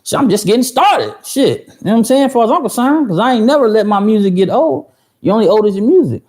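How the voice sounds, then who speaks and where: Speaking fast and animated in a high but dark-toned voice, this thirty-something man spins a long story for a music-producer livestream audience. He swears, rambles, restarts often and leans on fillers, and he replies to the chat partway through.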